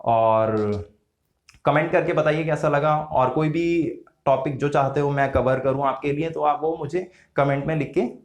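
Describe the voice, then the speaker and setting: A man teaching a casual spoken lesson, slow and patient, repeating each sound several times with frequent hesitant fillers. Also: a little high. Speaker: language teacher. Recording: roomy echo.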